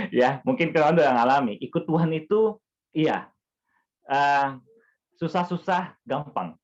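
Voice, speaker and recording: A man with a Batak accent gives a casual, chatty sermon as a youth pastor and keeps turning to his listeners. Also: fairly high pitch. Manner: animated, chatty, addresses listeners directly. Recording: dull, lo-fi sound.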